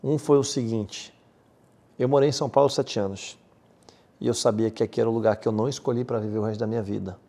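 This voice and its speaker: A man from Salvador, speaking as a podcast guest in an energetic, slangy, emphatic way. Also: mid-range voice, fast talker, gravelly. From Salvador, Bahia, Brazil. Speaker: guest, M&A advisor. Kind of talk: casual podcast interview.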